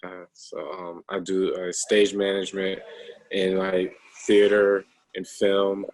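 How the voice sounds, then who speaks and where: A man's voice: low-pitched, monotone, slow, a little mellow, low-quality recording. A man in his thirties, a guest talking casually over a video call, hesitant, with many ums and restarts. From United States. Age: 30s.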